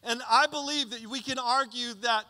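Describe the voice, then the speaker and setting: The man's voice is very high and his speed normal as he preaches on a church stage, handheld mic in hand. A pastor in his thirties, he keeps the sermon conversational and animated with repeated "okay?" check-ins, recorded in a reverberant hall.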